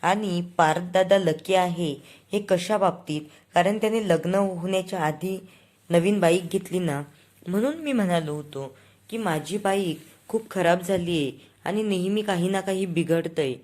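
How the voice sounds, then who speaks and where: A woman's voice: lowish voice, measured pace, a little mellow, natural voice. A woman reading a coaxing, teasing young husband. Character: affectionate young husband coaxing his wife.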